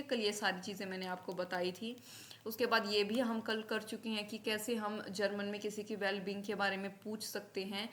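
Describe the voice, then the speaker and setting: Flat-voiced woman teaching German basics. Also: mid-range voice, a little hiss or hum. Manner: steady recap, sounding out German letters and numbers. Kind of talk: recorded lecture.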